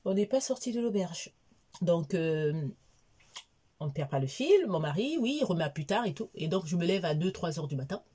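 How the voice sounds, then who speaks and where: A woman's voice: on the low side, sing-song, normal speed, warm tone, slightly rough. A woman in her forties telling a casual diary vlog, chatty and rambling with many fillers. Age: 40s. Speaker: vlogger.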